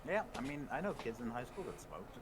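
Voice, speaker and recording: A man's voice: medium pitch, sing-song, fairly quick, crowd noise. A man co-hosting a podcast in casual chat, rambling and swearing, often laughing. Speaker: podcast co-host.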